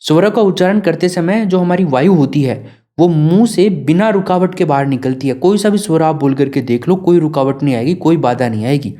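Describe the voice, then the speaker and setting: Male teacher, mellow voice, lecture style with questions to the class. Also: on the high side, a little fast, hardly any pauses. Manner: asks students questions and answers them himself. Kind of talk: classroom lesson.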